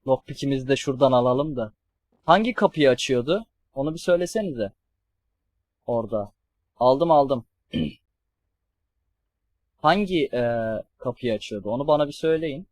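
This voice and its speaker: A young man streaming a horror game, swearing and yelling at the enemies on screen. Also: mid-range voice, expressive, normal speed, long pauses, dry recording. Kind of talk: let's play commentary.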